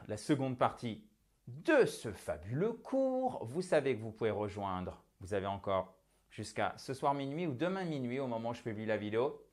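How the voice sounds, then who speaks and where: A middle-aged man speaking French as his first language, giving an English lesson, saying example phrases slowly and checking in with "ok?". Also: medium pitch. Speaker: English teacher.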